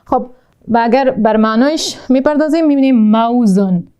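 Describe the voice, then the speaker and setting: A woman with an Afghan Dari accent teaching a recorded language lesson, slowly repeating each word twice and explaining with frequent hesitations. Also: fairly high pitch, dark tone, smooth. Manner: slow, deliberate pronunciation drills, repeating each word twice. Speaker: Arabic teacher.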